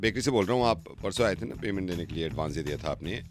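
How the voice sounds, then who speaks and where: A man's voice: deep voice, animated, very fast, soft background music. A man making a radio prank call, chatty and teasing, playing innocent.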